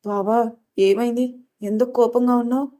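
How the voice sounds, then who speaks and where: A woman's voice: on the high side, steady tone, moderate pace, mellow, close to an everyday voice. A woman voicing a chatty young woman. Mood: hurt pleading. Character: chatty young woman, playful, easily hurt.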